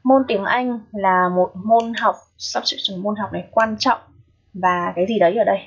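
Woman teacher going over exam answers, kinda husky, dull lo-fi sound. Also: medium pitch, steady tone, normal speed. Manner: patient, checks in often with rhetorical questions. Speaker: English teacher. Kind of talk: exam review lesson.

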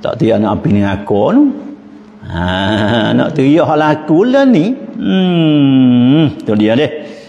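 A man's voice: mid-range voice, slow, highs cut off. Pattani Malay man lecturing in a mosque. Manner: lively, rhetorical questions, frequent chuckles. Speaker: Islamic religious teacher. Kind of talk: religious lecture in local dialect. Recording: long reverb of mosque hall, faint noise.

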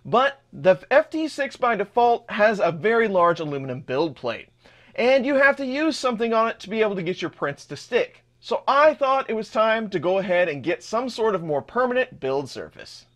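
A man's voice: high-pitched, very animated, moderate pace, fairly bright tone. A man in his thirties hosting a hands-on 3D printer build vlog in his home workshop, explaining parts as he shows them. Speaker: channel host.

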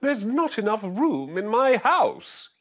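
A man voicing a fussy, flustered little old woman who wails and pleads in a high voice. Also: very animated, slow, a bit bright, heavily acted. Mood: pleading.

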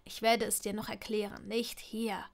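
A woman voicing a proud, secretive young wizard man in a low, half-whispered tone for a fan-fiction audiobook. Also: flat delivery, moderate pace, vocal fry, natural voice. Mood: hushed cold.

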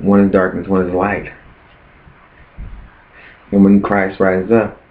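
A man with a very low voice preaches earnestly to camera about his fast in a casual preaching vlog, posing rhetorical questions. His voice comes through thin and tinny, as if over a phone line.

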